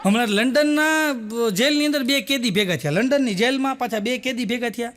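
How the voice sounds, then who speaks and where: A man's voice: very high voice, a little fast, background noise. A male comedian with a Gujarati accent, telling jokes as stories and voicing the people in them. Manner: storytelling with voiced quotes of characters. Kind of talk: stand-up joke telling. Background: audience laughter.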